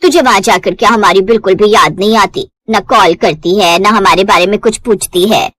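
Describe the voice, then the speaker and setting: A woman's voice: medium pitch, moderate pace, fairly bright tone, no room sound, voice pushed down, natural voice. A woman voicing a greedy mother who talks in a falsely sweet, wheedling way.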